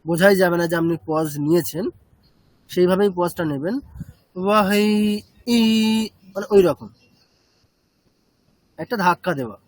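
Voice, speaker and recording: A man's voice: high voice, moderate pace, pauses often, no room sound. A man teaching a chanting class, explaining step by step and checking with short questions.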